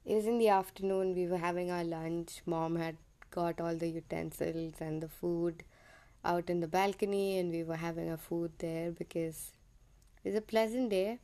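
Warm in tone, this woman's voice is fairly low and fairly even in intonation, moving at a normal speed. She's a young podcast host from India whose Indian English accent slides toward an American one, and she delivers a personal monologue hesitantly, with many ums and frequent self-corrections.

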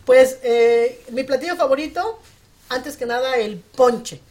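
A woman's voice: high-pitched, slow pace. A woman from Mexico City, a regular guest on a radio show, chatting in an effusive way. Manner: effusive, warm-hearted thanks. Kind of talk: casual chat.

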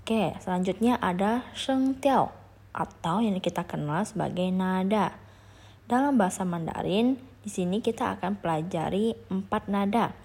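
A woman's voice: medium pitch, normal speed, darkish tone, husky. A young adult woman teaching a patient beginner language lesson, leading listeners through repetition drills. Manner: patient, repeats drills, asks listeners to follow along.

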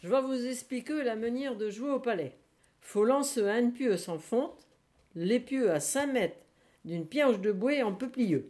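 Woman, explaining rules, mellow, slightly high. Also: a little slow.

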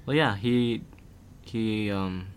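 A young man talks in a low voice, loose and rambling, his sentences full of "like" and "um." Faint hiss sits under the recording. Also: takes it slowly. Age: young adult. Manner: relaxed, rambling, full of filler words. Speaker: guest. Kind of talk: casual podcast chat.

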